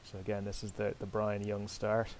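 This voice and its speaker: A man's voice: fairly low pitch, monotone, normal speed, a little mellow, slight background noise, low-quality recording. A man hosting and commentating online sailing races, chatty and self-deprecating, talking directly to his viewers. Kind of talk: live commentary over a sailing game.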